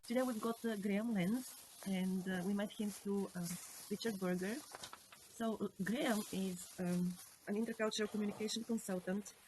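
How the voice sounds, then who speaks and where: A woman hosting a podcast, introducing the show and her guest in a measured way with many hesitant fillers. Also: mid-range voice, darkish tone, low-quality recording. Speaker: podcast host.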